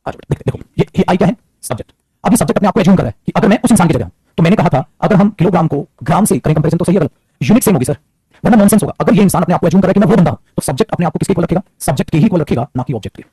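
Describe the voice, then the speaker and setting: Rapid-fire man teaching a grammar class. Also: high-pitched, slightly rough, dry recording. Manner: rapid, animated, addresses students as beta.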